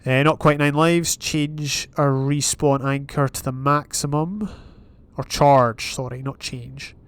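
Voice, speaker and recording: A young Scottish gaming YouTuber does casual Minecraft let's play commentary in a steady, mid-range voice, slow and clean-toned. He's chatty, thinking aloud and reading out advancements as he plays.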